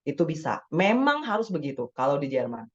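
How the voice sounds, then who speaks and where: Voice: mid-range voice, sing-song, a little fast. An Indonesian doctor on a webinar panel, talking casually and acting out little quoted exchanges between colleagues. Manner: chatty, acts out quoted dialogue, frequent tag words. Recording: slightly dull lo-fi webinar audio.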